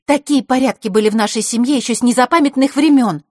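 A woman's voice: on the high side, lively intonation, normal speed, no room sound, studio quality, voice pushed up. A woman voicing a proud, hot-tempered girl from a family of timekeepers, talking sharply and bossily. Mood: haughty. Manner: sharp, bossy, snorting retorts.

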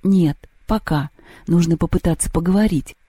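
A man voicing a gruff, hot-tempered boy who growls threats in a storybook reading. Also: fairly high pitch, normal speed, dark tone, dry recording, studio quality. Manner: growling, through the teeth.

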